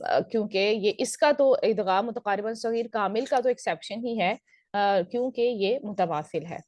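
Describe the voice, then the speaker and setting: A woman's voice: medium pitch, a little mellow, no room sound. A woman teaching Quran recitation rules in a recorded lesson, explaining step by step and putting questions to her students before answering them.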